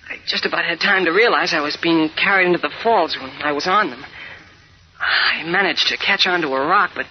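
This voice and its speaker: A man's voice: on the high side, dull audio, slight background noise, natural voice. An actor playing an injured young sidekick retelling his ordeal breathlessly, on an old radio broadcast.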